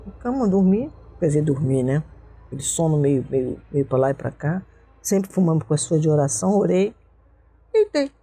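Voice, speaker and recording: A woman's voice: sits low, big pitch swings, normal speed, dark tone, husky, no room sound. A woman from Rio de Janeiro, an interview guest telling a personal story with vivid retellings and quoted voices.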